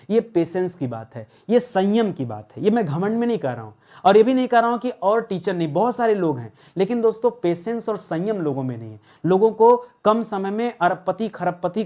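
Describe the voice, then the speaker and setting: A man's voice: high voice, very animated, a little fast, hardly any pauses, dark tone. A man teaching an online grammar class. He asks his viewers questions, answers them himself and repeats the key words.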